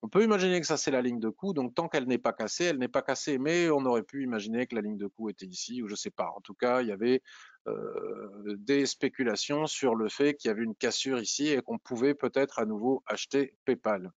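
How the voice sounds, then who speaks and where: A man's voice: medium pitch, brisk, no room sound, muffled recording. A man walking through stock charts in a screen-share tutorial, thinking aloud with frequent hesitations and restarts. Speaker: trading analysis presenter.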